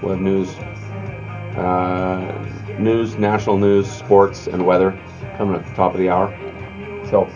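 Man, radio host, loose talkative manner, lowish voice. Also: flat delivery, measured pace, pauses often. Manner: talkative, loose, lots of fillers and restarts. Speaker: radio morning show host. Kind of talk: casual explanatory chat. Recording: slightly dull lo-fi sound with faint music.

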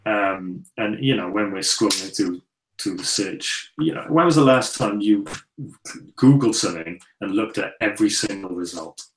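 A man's voice: fairly low pitch, expressive, moderate pace, slight background noise, low-quality recording. A man co-hosting a podcast in casual chat, rambling with repeated fillers. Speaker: podcast co-host.

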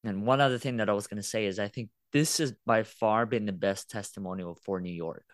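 A man hosting a podcast interview, speaking in a measured, reflective way. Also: on the low side, dry recording. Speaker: podcast host. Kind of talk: casual interview talk.

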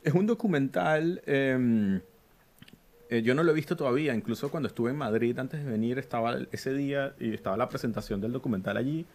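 A man's voice: mid-range voice, brisk, darkish tone. A man with a Venezuelan Spanish accent co-hosting a film podcast, laid-back and hesitant, often ending with tag questions. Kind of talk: casual chat.

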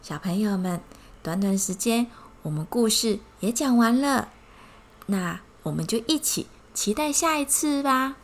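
A woman with a Taiwanese Mandarin accent, telling a children's story in an animated, sing-song way and gently explaining its lesson. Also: on the high side, a little slow.

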